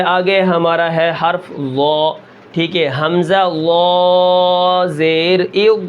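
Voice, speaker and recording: A man with a Pakistani Urdu accent teaching Quran reading, drawing out each example syllable slowly and then asking and answering his own questions. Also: a little high, dull audio. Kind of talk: slow drilled lesson with rhetorical questions.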